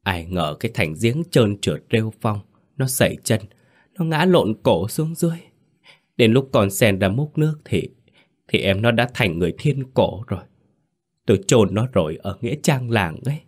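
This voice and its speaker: A man's voice: on the low side, lively intonation, moderate pace. A man voicing a scheming second wife who fakes choked, sobbing grief in a spoken horror story. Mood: tearful wailing.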